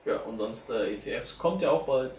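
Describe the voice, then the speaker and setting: A man hosting an interview, talking in a quick, casual and colloquial way. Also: mid-range voice, animated, darkish tone. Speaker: interviewer, channel host. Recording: roomy, distant, faint background noise.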